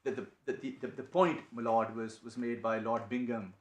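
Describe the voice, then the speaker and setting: A man making a legal submission to appeal judges, halting and restarting often as he speaks. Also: medium pitch, fairly even intonation. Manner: halting, many restarts and repeated words. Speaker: barrister. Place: courtroom. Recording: echoey courtroom, faint noise.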